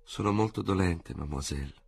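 A man's voice: low-pitched, fairly quick, creaky, breathy edge, exaggerated voice. Man reading a hesitant, courteous old general. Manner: hesitant, polite. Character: awkward, courteous middle-aged male general. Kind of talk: audiobook character voice.

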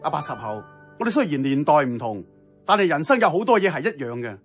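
Faint music plays behind this male actor, who portrays a dry, challenging radio station boss in a Cantonese radio drama: blunt, seasoned, middle-aged, with a Hong Kong accent. His fairly high voice swings widely in pitch, moves at a quick pace, and stays matter-of-fact.

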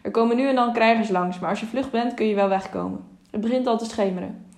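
A woman's voice: fairly high pitch, fast, a little mellow, lightly acted. A careful, worried scribe of a town hall, as a woman reading a storybook voices him. He talks plainly and cautiously. It stays close to the reader's own voice.

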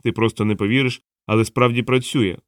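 A man's voice: mid-range voice, fairly even intonation, a little fast, dry recording, clean studio sound, close to an everyday voice. A man doing an earnest good-hearted watchman. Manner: patient, sincere, explaining. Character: earnest kind male city watchman.

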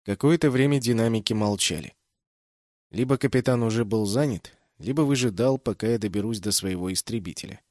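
A man's voice: lowish voice, a little fast, darkish tone, dry recording, clean studio sound. A man reading scripted first-person fiction as an audiobook narrator.

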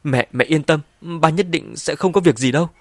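A man's voice: a little high, moderate pace, dry recording, studio quality, pitched above the performer's own voice, close to an everyday voice. A man voicing a determined young woman who pleads earnestly with her mother in an audiobook. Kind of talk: audiobook character voice.

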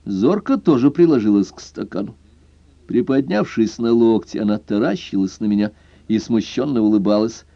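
A man reading a first-person detective novel aloud in a lively, expressive way, in a dull lo-fi recording. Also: fairly low pitch, moderate pace, no room sound. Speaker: audiobook narrator. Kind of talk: scripted first-person narration.

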